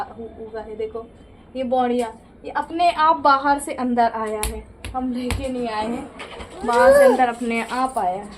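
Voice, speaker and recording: Chatty high-voiced woman vlogging at home. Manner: chatty and confiding, repeats herself, coos sing-song at a baby. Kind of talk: casual home vlog chat. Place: at home indoors. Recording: noisy home phone recording.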